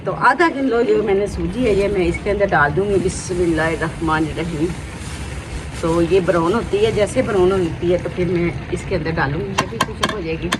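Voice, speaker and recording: A woman's voice: lowish voice, brisk. A middle-aged woman with a Pakistani Punjabi accent, chatting to viewers while cooking in a village kitchen. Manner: chatty, addresses viewers directly, frequent fillers. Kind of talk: casual cooking demonstration. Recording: loud outdoor noise with passing vehicles.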